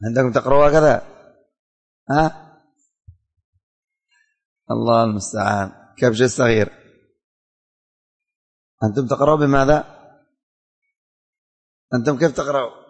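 A man's voice: mid-range voice, normal speed, pauses often. A man teaching a religion class in a classroom, quizzing students by name and repeating his questions. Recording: hall reverb.

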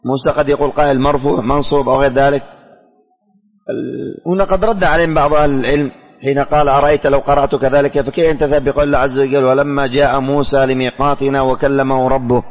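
A man's voice: medium pitch, fairly even intonation, very fast. Man teaching a class in a reverberant hall. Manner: repeats questions, drills students. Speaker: teacher of religious doctrine. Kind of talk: classroom quizzing lesson.

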